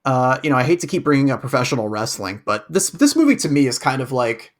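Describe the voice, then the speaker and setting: Man, podcast co-host, hesitant casual chat, repeats words, remote call, mid pitch. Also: big pitch swings, fast.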